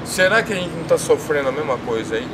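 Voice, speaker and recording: Rich: A man with a slightly raised voice speaks thoughtfully about his experiences, posing questions to the listener. He stands outdoors on a city street, and loud traffic roars behind him. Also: a little high, animated, quick pace. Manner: reflective, asks rhetorical questions. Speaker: interviewee, former shelter resident. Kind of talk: documentary testimony.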